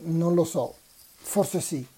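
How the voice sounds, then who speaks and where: A volunteer reader voicing a teasing, lively teenage girl in a novel read aloud. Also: mid-range voice, takes it slowly, a little hiss or hum, lightly acted.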